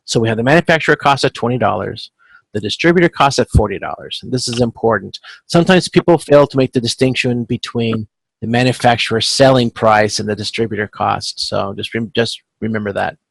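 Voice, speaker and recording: This man's creaky, medium-pitched voice moves briskly as he walks a supply chain class through an informal tutorial, step by step, over a video call. He explains as he goes and checks in with "okay" a lot; the recording is dry, close, and rough.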